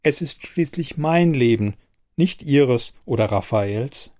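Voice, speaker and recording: A man narrating an audiobook in a steady, even reading voice. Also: medium pitch, slow, dry recording, clean studio sound. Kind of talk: scripted narration.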